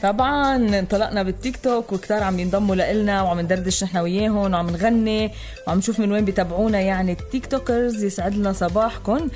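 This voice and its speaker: A woman's voice: mid-range voice, racing, darkish tone. A woman with a Lebanese accent co-hosting a morning radio show in an enthusiastic, chatty way. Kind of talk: lively casual radio banter. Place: radio studio. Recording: faint music behind the voice.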